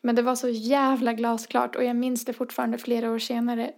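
Flat in delivery and on the high side, with vocal fry, a woman in her twenties co-hosts a podcast. She tells a personal story chattily, full of fillers and acted-out dialogue.

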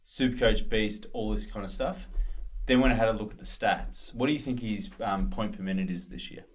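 A man's voice: on the low side, a little fast. A male podcast co-host in casual sports chat, rambling through team news with plenty of fillers.

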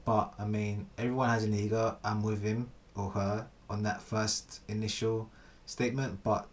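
A man's voice: on the low side, level tone, moderate pace. A man in a casual philosophical chat, thinking aloud with hesitant restarts.

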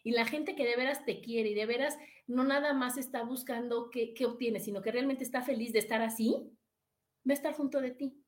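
A woman's voice: fairly high pitch, steady tone, fairly quick. A middle-aged woman with a Mexican accent, hosting a casual motivational live stream, chatting directly with her viewers and reading out their comments.

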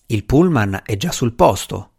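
A man's voice: on the low side, lively intonation, measured pace, vocal fry, a little mellow, husky. A man reading a novel aloud as a narrator, giving the characters' dialogue small changes of voice. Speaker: audiobook narrator. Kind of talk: scripted narration.

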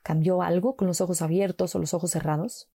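A woman slowly guiding a mindfulness walk with calm, gentle instructions and long pauses. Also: on the low side, breathy edge, dry recording, clean studio sound. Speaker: meditation guide.

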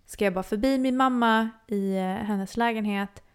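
A woman's voice: mid-range voice, clear, resonant tone. A young woman co-hosting a casual chat podcast, telling stories with animation and acting out her own reactions. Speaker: podcast co-host.

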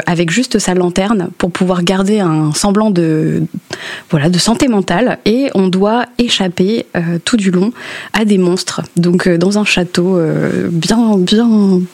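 A woman's voice: mid-range voice, darkish tone, dry recording. A woman presenting a spoken chronicle on video games, talking casually with frequent hesitations and filler sounds. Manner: hesitant, many fillers, laughs often.

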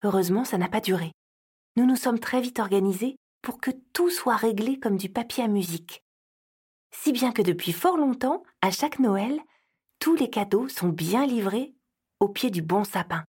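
A woman giving expressive scripted narration for an audio story. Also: medium pitch, normal speed, husky.

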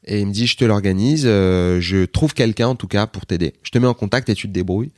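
A man with a fairly low voice tells a winding anecdote in a loose, chatty way, often digressing and acting out what others said. The sound is dry and close, with no room around him. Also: fast talker, dry recording. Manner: chatty, digressive, animated retelling with quoted voices. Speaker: guest comedian. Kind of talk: casual interview storytelling.

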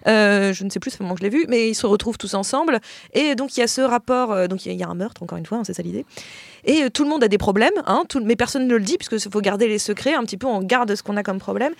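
A woman's voice: mid-range voice, racing, no echo. Woman chatting about a film, keeps restarting, mid voice, dry mic. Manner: hesitant, many fillers and restarts. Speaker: panelist. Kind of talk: casual film recommendation chat.

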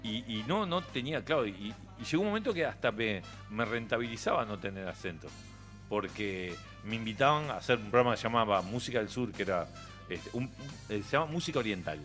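A middle-aged man with a Uruguayan accent, a radio interview guest chatting casually and telling animated stories with frequent laughter. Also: fairly low pitch, fairly quick, faint music behind. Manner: animated storyteller, laughs often.

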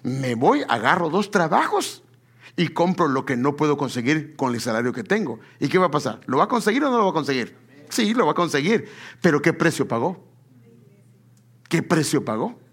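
A man preaching a sermon, speaking to the congregation as brothers and asking them rhetorical questions, drawing out key words slowly for emphasis. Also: fairly high pitch, very animated, fairly bright tone, breathy edge. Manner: addresses listeners as brother, asks rhetorical questions.

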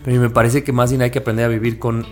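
A man's voice: mid-range voice, level tone, racing. A Mexican-accented man muses on a podcast in a casual, reflective tone. He uses slang freely. Faint music plays in the background. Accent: Mexican Spanish. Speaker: podcast co-host. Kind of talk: casual chat.

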